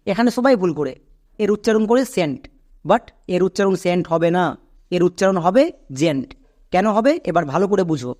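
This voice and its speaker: A woman teaching English pronunciation step by step, spelling out letters slowly and asking her students whether they follow. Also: fairly low pitch, darkish tone. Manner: patient, instructive, spells out letters slowly and asks checking questions. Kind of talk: step-by-step spoken lesson.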